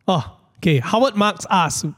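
A man's voice: high voice, animated, a little slow, fairly bright tone. A man with a Malaysian accent speaking colloquial Malaysian English, co-hosting a casual market chat and taking audience questions. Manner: colloquial Malaysian English with lah and lor particles. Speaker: co-host reading audience questions.

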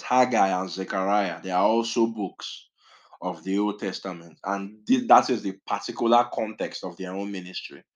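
Male Bible teacher, low voice, chatty and digressive delivery. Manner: conversational, self-correcting, digressive.

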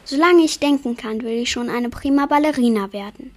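A woman voicing a timid, stammering female yeti who dreams of being a ballerina, in a higher voice than her own. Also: a little fast. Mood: wistful. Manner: anxious, flustered stammering.

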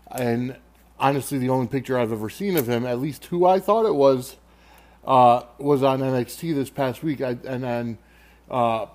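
A man's voice: mid-range voice, darkish tone. A man giving casual solo sports commentary as a podcast host, conversational and emphatic, often checking in with listeners.

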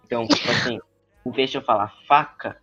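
A man's voice: mid-range voice, a little fast, pushed and bright, husky, muffled recording, soft background music. A young man on a casual podcast, rambling through a story full of fillers. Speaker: podcast co-host.

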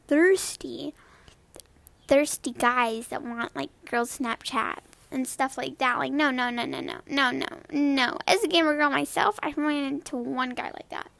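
A young woman with a high girlish voice, chatting casually about gaming, rambling with many fillers and repeated words. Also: gravelly, no room sound. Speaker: gamer vlogger. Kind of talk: casual chat to camera.

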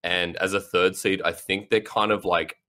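Low, forceful man rambling as an analyst. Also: steady tone, normal speed. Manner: rambling, filler-heavy, apologizes for ranting. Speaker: esports analyst on a panel. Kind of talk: casual panel chat.

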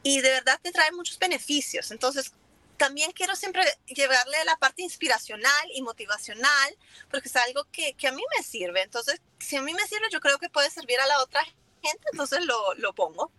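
This woman, a business owner appearing as an interview guest, speaks casually in foreign-accented Spanish, dropping in English words; she is a native speaker of Italian and English, from Italy and Germany. Her voice is high and bright, with lively intonation, a moderate pace and a forceful tone, recorded without echo.

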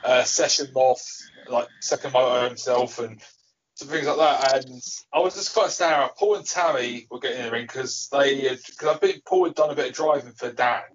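A man's voice: medium pitch, brisk. British guy rambling thru a story on a podcast, kinda muffled, bit of hiss. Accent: British English. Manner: rambling, stop-start storytelling. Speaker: podcast co-host. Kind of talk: casual chat.

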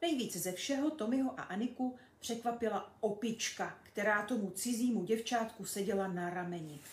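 A woman reading a children's book aloud, expressive and storytelling, in an echoey room. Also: mid-range voice. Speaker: reader.

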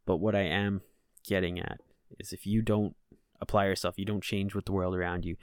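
In a clean studio recording with no room sound, a deep-voiced man hosts a casual solo podcast. Delivering flatly and a little fast, he rants bluntly and profanely about self-responsibility, growing more frustrated.

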